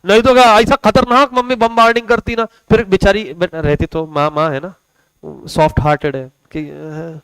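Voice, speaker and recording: A man's voice: high voice, steady tone, normal speed, a bit bright, clear, resonant tone, dry recording, low-quality recording. A young man teaching an online commerce class in a chatty, joking way, calling his students "beta". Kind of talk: casual online class lecture.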